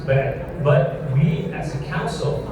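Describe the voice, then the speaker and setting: Halting man in a reverberant hall. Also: medium pitch, expressive. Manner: halting, repeats words, non-native phrasing. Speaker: mayor. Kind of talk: panel discussion remarks. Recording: long reverb, distant mic, crowd noise.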